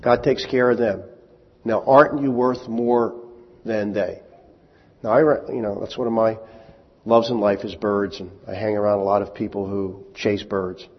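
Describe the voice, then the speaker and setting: A man's voice: lowish voice, level tone, normal speed. A man preaching a sermon in a conversational way, asking the congregation rhetorical questions and lifting his voice when he quotes scripture. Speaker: pastor. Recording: dull lo-fi audio with long hall reverb.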